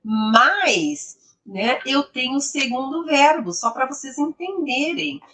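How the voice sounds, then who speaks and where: A woman teaching English grammar, explaining slowly and repeating each example sentence with emphasis. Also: high-pitched, animated, sharp tone, distant mic.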